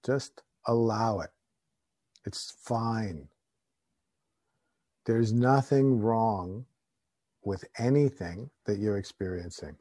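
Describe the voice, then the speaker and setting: A man guiding a meditation in a slow, calm, soothing way, with long pauses between phrases. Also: on the low side, no echo. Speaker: meditation teacher. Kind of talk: guided meditation.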